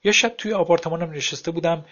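A man tells a story in a wry, unhurried way. His voice sits slightly high. The recording is dull and lo-fi. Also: fairly bright tone. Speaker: narrator. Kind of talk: audiobook narration.

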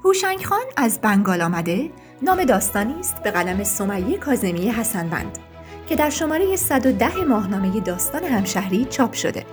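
A woman's voice: medium pitch, sing-song. A woman podcast host giving a scripted, inviting introduction. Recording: music bed under voice.

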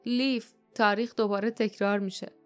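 A woman voicing a gruff, stubborn grown man with dry humor in an audiobook, talking quickly and wryly. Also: medium pitch, steady tone, soft background music, lightly acted.

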